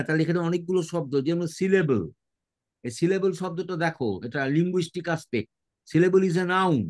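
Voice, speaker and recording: A man with a Bengali accent teaching an English lesson, reading lines slowly, then explaining and spelling words letter by letter. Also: on the high side.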